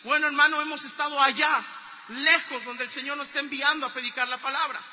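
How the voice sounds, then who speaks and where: High-voiced man preaching in a reverberant hall. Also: fairly even intonation, quick pace, highs cut off, a little hiss or hum. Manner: earnest storytelling that builds to loud exhortation. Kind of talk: storytelling sermon.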